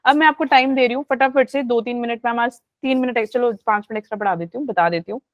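A woman's voice: on the high side, quick pace, no echo. A woman teacher leading a live online class, chatty and coaxing, mixing English into her talk. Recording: dull lo-fi online audio.

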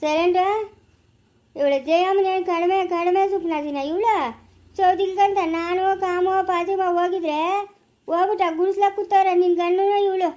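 A quarrelsome village man full of indignation, played by a woman, scolding and ranting in a rural Chikkaballapura Kannada accent. The voice sits very high. Lines come in repeated, defensive bursts, like a family skit. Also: steady tone, normal speed, darkish tone. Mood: indignant.

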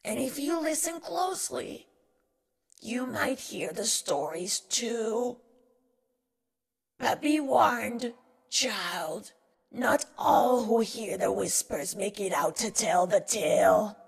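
A woman playing a creaky, sinister old granny. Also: a little high, animated, heavily acted. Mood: ominous. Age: older. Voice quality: creaky, raspy. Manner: slow, coaxing, swooping sing-song menace. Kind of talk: horror monologue acting.

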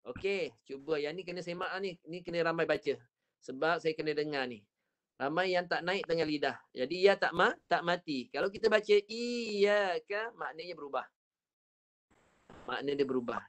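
A man with a Malaysian Malay accent leads an online Quran recitation class through a video call. He patiently demonstrates each sound at a slow pace and says it again, in a fairly high, slightly bright voice.

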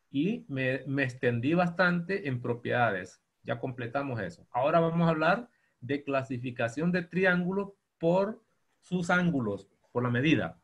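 A man teaching a university geometry class, dictating slowly and spelling out terms. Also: on the high side, dull audio. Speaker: geometry lecturer.

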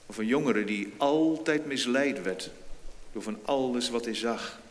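Slow-preaching man in a reverberant church. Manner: slow preaching with sudden emphatic swells in pitch and loudness. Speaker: pastor. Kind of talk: sermon. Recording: long church reverb, faint noise.

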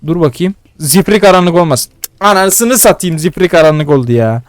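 Excitable young man cursing at game. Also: fairly high pitch, moderate pace, no echo. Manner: excitable, swearing, scolding game customers. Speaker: gaming YouTuber. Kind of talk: casual let's-play commentary.

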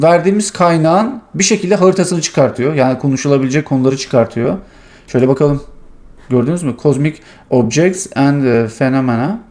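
A man hosting his tech channel, casually walking through a software demo and thinking aloud with many fillers. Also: medium pitch.

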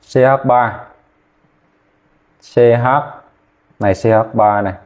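A man teaching chemistry, dictating formulas slowly and repeating names, often checking whether students follow. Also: mid-range voice, steady tone, a little mellow. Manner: slow, repetitive, checking in with "ok chưa?". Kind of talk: classroom lesson, dictating formulas.

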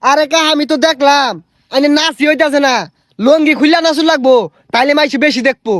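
Man, pleading retorts, rapid, dry sound. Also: very high-pitched, fairly even intonation, a bit bright, no room sound. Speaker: young comedy sketch partner. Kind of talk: rustic comedy sketch in dialect.

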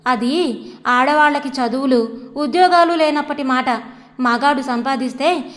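A woman storyteller reads a novel aloud at an even, measured pace. Her voice is high. A long hall reverb trails behind her words.

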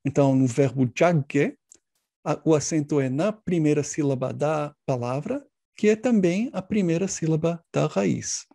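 A man giving an academic conference presentation, explaining in a measured way with frequent hesitation fillers. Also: a little high, animated, creaky, dark tone, no room sound, clean studio sound. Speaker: linguistics researcher presenting.

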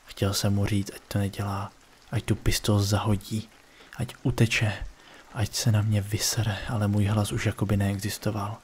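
Male horror narrator, deep-ish and monotone, brooding scripted read. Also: a little hiss or hum. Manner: low, flat, brooding delivery.

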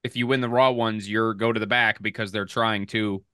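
A man's voice: lowish voice, steady tone, moderate pace, pushed and bright, clean tone, no echo, studio quality. A man co-hosting a casual podcast chat, blunt and opinionated. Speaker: podcast co-host.

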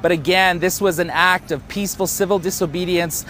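A man's voice: high voice, steady tone, a little fast, a bit bright, slight background noise. A man in his thirties, a protest organizer, speaking passionately and fluently with some fillers in a live outdoor news interview.

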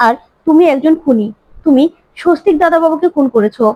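A woman's voice: sits high, lively intonation, a little fast, dry recording. A woman voicing a young maid who is tearful and fiercely loyal, wailing and then accusing. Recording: slightly muffled dry recording.

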